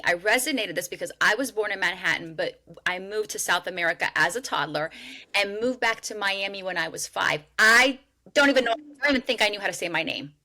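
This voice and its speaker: Woman, middle-aged, mid pitch, bright clear tone, affirming interview host. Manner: warm affirming, frequent agreement. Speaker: podcast host. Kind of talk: casual interview chat.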